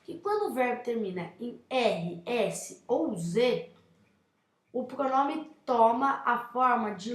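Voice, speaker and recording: A young woman with a Brazilian Portuguese accent explaining grammar in a casual classroom style, often checking in with her listeners. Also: a little high. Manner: chatty, addresses viewers with frequent check-ins. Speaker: teacher presenting a grammar lesson. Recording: echoey room.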